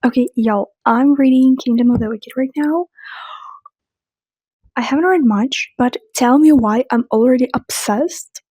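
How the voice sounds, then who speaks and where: Gushing over books in a casual reading vlog, this young woman speaks English as her third language and restarts frequently in her chatty way. Her high voice is unhurried and warm with a breathy edge, captured in a dry, low-quality recording.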